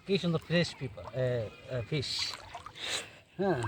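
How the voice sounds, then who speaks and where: A man's voice: on the high side, animated, unhurried, background noise. Man fishing outdoors. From Bangladesh. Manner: directs the camera person while handling a net. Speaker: fishing vlogger. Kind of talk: casual outdoor commentary. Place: outdoors by the water.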